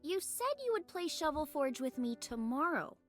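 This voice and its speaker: A woman's voice: high voice, lively intonation, moderate pace, faint music behind, voice pushed up. A woman voicing a bubbly young female internet idol who talks in a perky, singsong, playful way.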